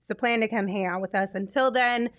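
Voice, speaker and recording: A woman's voice: fairly high pitch, fairly bright tone, no echo, clean studio sound. A woman with a Southern US accent hosting a podcast and signing off in an easygoing, chatty way. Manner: easygoing and chatty, quick to wrap up the show. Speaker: host. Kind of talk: casual podcast chat.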